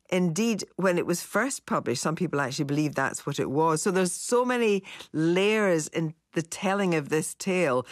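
A woman's voice: sits low, dry recording, studio quality. A woman radio interviewer asking probing, articulate questions of a guest. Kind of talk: broadcast interviewing.

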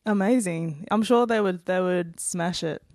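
A woman's voice: on the low side, a little slow, a little mellow, dry recording, studio quality. A woman hosting an interview, reading a scripted introduction and then asking encouraging questions. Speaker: interviewer, host.

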